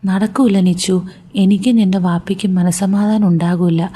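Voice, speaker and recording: A woman's voice: mid-range voice, steady tone, normal speed, warm tone, breathy edge, natural voice. A woman reading the part of a loving middle-aged mother who speaks fondly but firmly to her son.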